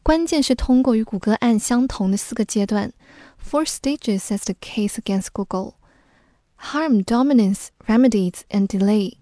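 A woman gives a careful, scripted vocabulary lesson, going over each word clearly. Her voice sits a little high, with a mellow, warm tone. It is recorded close up in a dry, dead room. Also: lively intonation, no room sound. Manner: explains words slowly and clearly, mixing in English. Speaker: English teacher.

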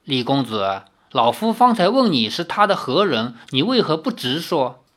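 A reader voicing an elderly male healer who speaks in a formal, measured, old-fashioned way. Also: mid-range voice, big pitch swings, a bit bright. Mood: grave. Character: elderly male village healer, courteous and grave.

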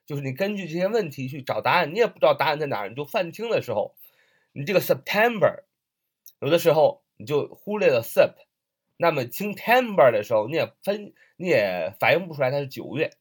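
A man teaching English listening tips in a casual online lesson, spelling words letter by letter and repeating them slowly, with frequent "uh" and "ah" fillers. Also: fairly high pitch, very animated, slightly rough.

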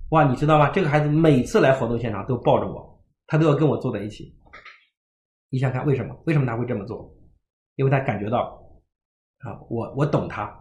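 Man, parenting educator, brisk storytelling talk, echoey room. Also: mid-range voice. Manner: storytelling, animated swings between loud emphasis and soft quiet narration.

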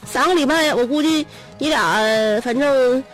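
A woman's voice: sits high, moderate pace, soft background music. A woman radio host with a Northeastern Mandarin accent, chatty and teasing, telling a story with frequent laughs.

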